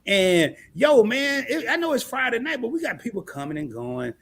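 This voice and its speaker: A man in his forties from Southeast Arkansas, hosting a live stream interview with animated, chatty storytelling. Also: extremely high pitch, moderate pace. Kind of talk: casual interview chat.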